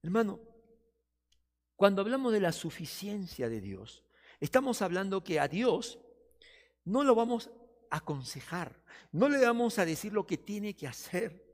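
A male pastor preaching a sermon, often acting out doubters and busy churchgoers in quick quoted asides. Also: high voice, sing-song. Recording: long reverb of a church hall.

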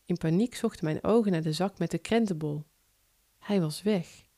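A woman author narrating her own first-person short story in a calm, measured reading voice. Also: on the low side.

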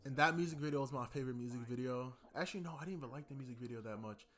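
A man's voice: mid-range voice, very fast, fairly bright tone. Rambling young man reviewing music. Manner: loose and rambling, lots of fillers. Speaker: podcast host. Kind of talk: casual music review chat.

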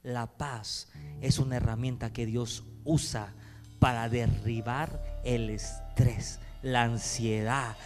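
A man preaching a sermon as pastor. He swings between loud preaching and hushed speech and speaks directly to the congregation. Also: medium pitch, fairly even intonation, slow, long reverb tail, faint music behind. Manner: addresses the congregation directly with calls to respond. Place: church hall.

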